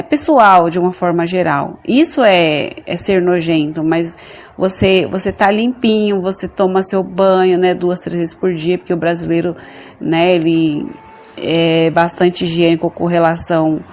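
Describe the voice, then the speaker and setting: A woman's voice: on the low side, a little slow, a little mellow. Brazilian woman giving earnest church testimony. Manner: earnest, repetitive, addresses listeners as brothers and sisters. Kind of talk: religious testimony.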